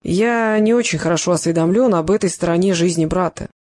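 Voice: medium pitch, brisk, darkish tone, dry recording, close to an everyday voice. A reader voicing a guarded, cool younger man who answers curtly. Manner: curt and guarded.

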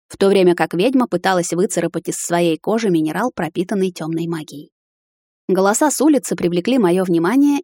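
A woman reads a first-person fantasy story in a measured, softened way. Her voice is fairly low and the sound is dry and close. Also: no room sound. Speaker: narrator.

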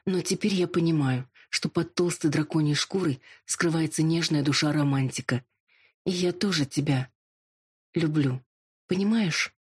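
A storybook narrator voicing a quick-witted young female detective who answers back with teasing remarks. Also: medium pitch, breathy edge, pitched above the performer's own voice. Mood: tender confession.

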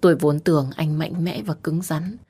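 A woman narrating a first-person romance story as an audiobook, in a steady, emotional reading. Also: deep voice, normal speed, husky.

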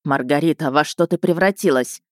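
A woman's voice: low-pitched, fairly quick, dry recording, clean studio sound, lightly acted. A woman narrating an audiobook voices an arrogant, mocking young nobleman. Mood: scornful. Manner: mocking, contemptuous.

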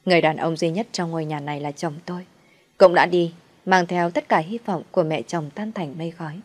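A woman tells a dramatic family story in the first person, calm and measured. Her voice sits on the low side. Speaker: narrator.

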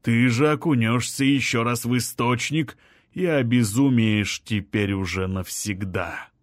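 A man voicing a menacing sorcerer lord who speaks slowly in a purring, condescending tone. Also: medium pitch, no echo, studio quality, lightly acted. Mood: purring menace.

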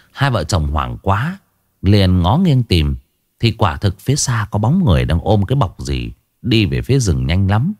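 A man narrating a ghost story in the first person with expressive, rising and falling delivery. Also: fairly low pitch, dry recording, studio quality.

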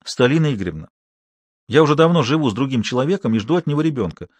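A man's voice: medium pitch, expressive, quick pace, dry recording, lightly acted. A man reading an audiobook, voicing a firm pregnant young woman who refuses and sends someone away.

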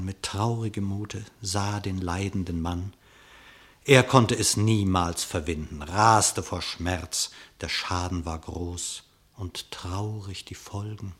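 In the style of a classic radio play, a man narrates a scripted verse fable, his somewhat low voice measured and expressive as he tells the story.

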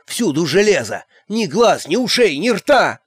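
A man voicing a captured male elf, hissing, shrill and defiant. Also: big pitch swings, a little slow, no echo, clean studio sound.

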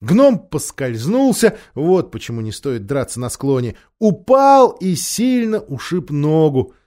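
A man narrating a children's story aloud, with expressive character voices. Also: on the high side, measured pace. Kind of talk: audiobook storytelling.

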